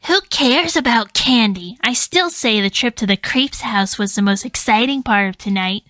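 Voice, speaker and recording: A woman's voice: a little high, moderate pace, pushed and bright, dry recording. A woman voicing a fearless, thrill-seeking young girl in a storybook, talking in a bold, insistent way.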